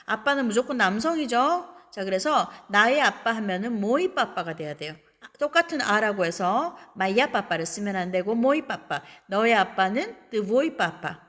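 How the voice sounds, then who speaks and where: A woman teaching a language lesson, modelling words slowly and running repetition drills with quick check questions. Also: mid-range voice, expressive, fairly bright tone, long reverb tail. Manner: slow, deliberate model pronunciation of words; repeats drills and asks rhetorical check questions. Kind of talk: textbook review lesson.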